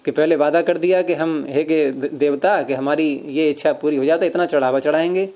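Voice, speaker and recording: A man's voice: a little high, fairly even intonation, moderate pace, darkish tone, dull audio. A man teaching Sanskrit grammar in an informal class, explaining patiently with everyday examples.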